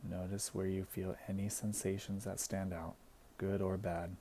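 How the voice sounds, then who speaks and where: Speaking in a flat, soothing way, a man leads a guided body scan and leaves purposeful gaps between phrases. His voice is low and mellow with audible fry, and there's a faint noise in the background of the recording.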